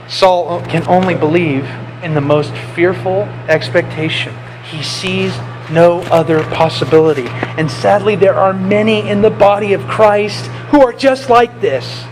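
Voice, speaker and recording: A man pastor preaching a sermon, animated, swinging between loud and hushed with playful asides. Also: sits high, slight background noise, low-quality recording.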